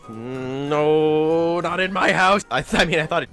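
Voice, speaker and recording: A young man in casual gaming chat, sarcastic, going from deadpan mutters to loud outbursts. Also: on the high side, a little slow, faint music behind. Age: young adult. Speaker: gaming friend.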